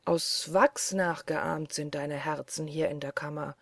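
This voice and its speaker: A woman's voice: low-pitched, steady tone, unhurried, creaky, no room sound, full character voice. A woman reading the lines of a cunning, cold-hearted young male charcoal burner who taunts scornfully. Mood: taunting.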